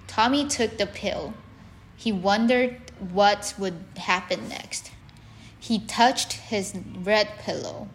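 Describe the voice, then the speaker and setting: A woman narrating a children's story in a slow, clear, deliberate reading voice. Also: mid-range voice, a little hiss or hum.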